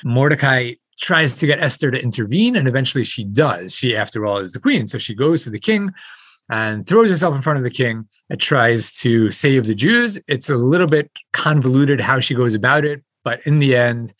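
A man with a medium-pitched voice talks as an academic guest. He explains things conversationally, and the sound is dry with very little room in it. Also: animated, normal speed, a bit bright, dry recording. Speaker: guest professor. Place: library, late at night.

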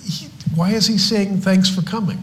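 A man hosting a talk-show interview, telling an anecdote in a low-key, halting way. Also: fairly even intonation, fairly bright tone, slight background noise.

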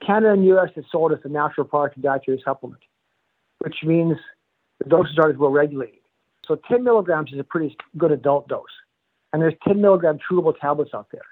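A man, a professor of pediatrics, explaining in a measured way over the phone and often correcting himself mid-sentence. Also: a little high. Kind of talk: phone interview. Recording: tinny phone line.

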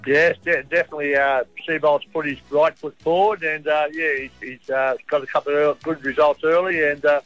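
An Australian man chats casually about sport as a radio guest. His slightly high voice comes through dull and lo-fi. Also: little pitch movement, fairly quick, few pauses, dry recording, soft background music.

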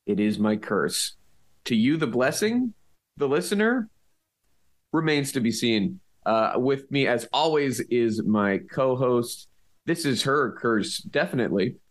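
A man hosting a podcast in casual banter, with a sleepy, just-woken vocal fry in his voice. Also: mid-range voice, expressive, measured pace. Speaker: podcast host.

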